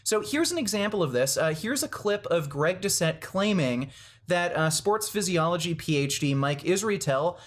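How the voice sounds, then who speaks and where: A man's voice: high-pitched, expressive, moderate pace. A man speaking to camera in a blunt, combative commentary on a fitness dispute. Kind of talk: casual commentary video.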